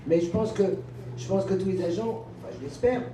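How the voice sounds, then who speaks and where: A man speaking earnestly in a panel discussion, with halting restarts. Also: high-pitched, background noise. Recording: echoey room, distant mic.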